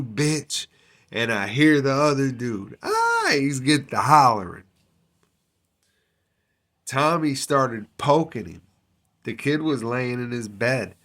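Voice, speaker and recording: A man's voice: medium pitch, fairly bright tone. Casual man telling a prison story. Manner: street slang, frequent fillers and profanity, unhurried. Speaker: storyteller recounting his time in prison.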